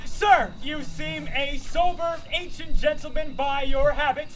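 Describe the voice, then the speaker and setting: A man's voice: very high-pitched, fairly even intonation, unhurried, a bit bright. A man playing an earnest young lover, declaiming in a live outdoor Shakespeare performance.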